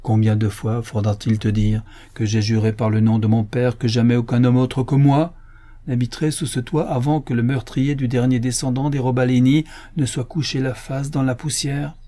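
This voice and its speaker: A man voicing a stern, sorrowful old Corsican father who speaks gravely and wearily in an audiobook tale. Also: medium pitch, flat delivery, moderate pace, warm tone, lightly acted. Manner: grave, weary speech.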